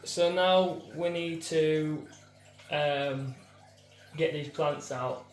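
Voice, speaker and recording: A man's voice: fairly high pitch, extremely slow. Chatty self-deprecating man. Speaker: aquarium hobby vlogger. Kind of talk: casual chatty tutorial vlog. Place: indoors at home by his fish tanks. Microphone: clip-on mic, then phone mic.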